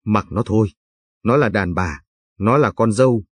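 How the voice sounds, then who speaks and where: A man reading a storybook voices a very old grandmother over a hundred, speaking softly and bluntly in his own low voice. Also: normal speed, husky, no room sound. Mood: gentle, blunt. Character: frail centenarian grandmother, gruff but tender.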